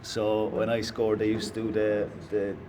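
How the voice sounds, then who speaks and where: A former player recalling a fan chant with quiet amusement. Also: male voice, on the low side, completely flat delivery, unhurried. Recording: distant, noisy ambience.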